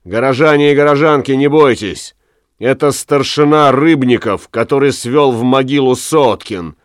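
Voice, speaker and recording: A man's voice: medium pitch, moderate pace, clean tone, no echo, pitched above the performer's own voice, close to an everyday voice. Bold fiery young hero in a storybook reading, a man reading him, dry close voice. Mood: heated. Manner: heated accusing.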